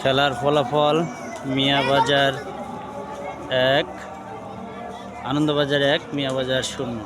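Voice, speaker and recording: A man's voice: mid-range voice, level tone, slow. A man giving informal running commentary from beside an outdoor village football match. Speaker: amateur match videographer and commentator. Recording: very noisy outdoor recording, loud crowd.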